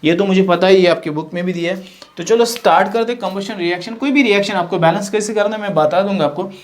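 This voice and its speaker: Male chemistry tutor, somewhat high pitch, thinks aloud while writing. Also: fast. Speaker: science teacher. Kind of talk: whiteboard chemistry lesson.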